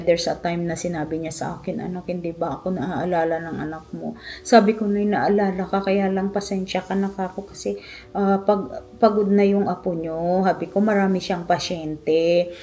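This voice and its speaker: A woman's voice: fairly low pitch, warm tone. A middle-aged woman with a Filipino accent, telling a personal story in a vlog, emotional and reflective, switching between Tagalog and English. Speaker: vlogger.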